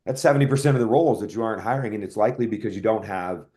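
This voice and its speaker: This podcast guest, a software product executive, races through his analytical explanations in a fairly low, somewhat mellow voice. He thinks aloud during the interview and corrects himself as he goes.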